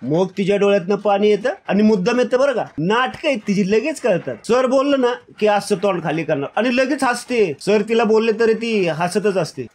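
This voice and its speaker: A man reading out a male reality show contestant's complaints in quick, grumbling gossip. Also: sits high, animated, darkish tone, a little hiss or hum, voice pushed up. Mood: complaining.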